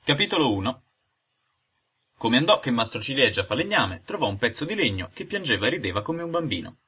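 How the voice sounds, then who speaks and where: Bright, husky male storybook narrator. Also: mid-range voice, a little fast. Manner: expressive, lively storyteller. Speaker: audiobook narrator.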